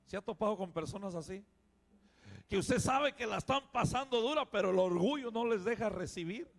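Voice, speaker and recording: A middle-aged man, a pastor giving a fervent sermon testimony that rises to loud exclamations. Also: high voice, expressive, normal speed, gravelly.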